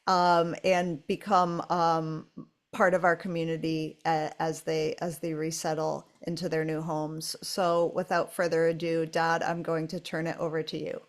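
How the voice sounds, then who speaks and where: A woman's voice: sits low, little pitch movement, a little slow. Woman hosting a library talk. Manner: welcoming, with hesitant fillers. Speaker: library event host. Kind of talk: event introduction.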